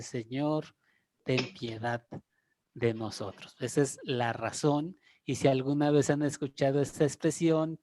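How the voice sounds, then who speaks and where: A man, a pastor teaching a Bible class, who talks deliberately and repeats key phrases for emphasis. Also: a little high, mellow, no room sound.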